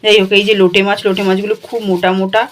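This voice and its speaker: A woman's voice: medium pitch, level tone, rapid-fire, a little hiss or hum. A woman in a casual vlog, talking straight to her viewers as she shows what she bought. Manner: chatty, addresses viewers directly. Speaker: vlogger.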